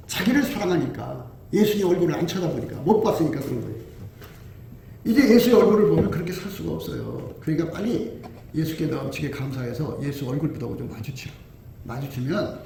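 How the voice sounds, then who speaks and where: Korean pastor guy preaching, high voice, booming echo from far off the mic. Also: gravelly. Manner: animated preaching with laughs and quoted dialogue. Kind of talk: sermon. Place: church hall. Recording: echoey hall from far off with faint noise.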